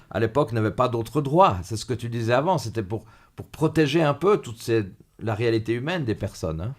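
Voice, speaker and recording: A man from Switzerland on a Bible study panel, reading scripture passages and briefly agreeing with the others. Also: medium pitch. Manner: reads scripture, frequent short agreement. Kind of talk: religious panel discussion.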